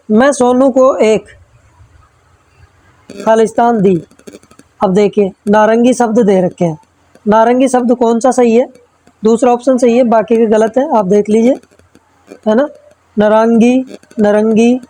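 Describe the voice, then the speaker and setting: A woman's voice: on the high side, a little slow, pauses often, warm tone, dry recording, rough recording. Methodical woman teacher walking through exam questions. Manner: reads each question then explains answer step by step; checks in with frequent tag questions. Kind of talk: exam-prep lesson.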